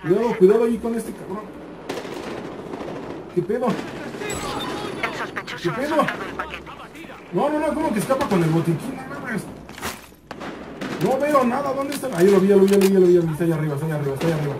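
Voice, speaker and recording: Mexican man streaming a shooter game, high voice, heard from a distance over loud game noise, excitable and foul-mouthed. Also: fast talker, long pauses. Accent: Mexican Spanish. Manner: excitable, swearing, repeats words in bursts. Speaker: gaming YouTuber. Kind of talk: casual gameplay commentary.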